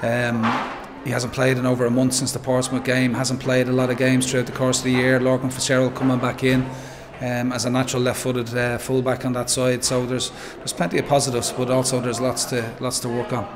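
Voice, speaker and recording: Irish man, 40s, football manager, level monotone speech, post-match interview, noise behind, handheld mic. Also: medium pitch. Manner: measured, frequent "um" and "you know". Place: pitchside interview backdrop, noisy.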